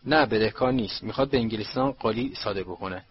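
A man's voice: lowish voice, lo-fi sound, a little hiss or hum, natural voice. A man voicing a stiff, precise older male bureaucrat who speaks curtly and impatiently. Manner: curt, impatient, clipped.

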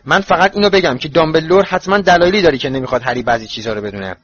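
Man doing a shrill worried storybook mother, husky, lo-fi sound. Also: fairly bright tone, no echo. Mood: agitated. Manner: shrill and pleading. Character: anxious, fierce middle-aged mother. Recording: dull lo-fi recording.

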